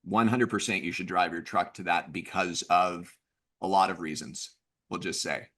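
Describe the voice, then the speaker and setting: A man with a very low but bright, forceful voice hosts an informal group meeting. He talks in an enthusiastic, chummy way. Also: fairly even intonation, normal speed. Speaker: host of online group meeting. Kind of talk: casual upbeat hosting chat.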